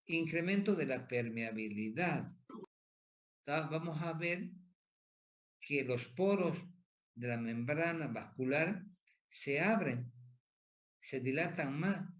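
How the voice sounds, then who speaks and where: Male lecturer, slow, voice a bit high, asks and answers his own questions. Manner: tag questions after points; repeats key points. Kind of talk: pathophysiology lecture.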